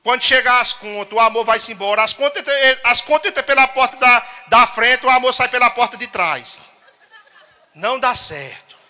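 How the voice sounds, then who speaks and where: A man voicing a worried mother who warns her daughter in a softer, lower tone. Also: lively intonation, normal speed, heavily acted. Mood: warning. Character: worried nagging mother, middle-aged woman. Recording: long chapel reverb.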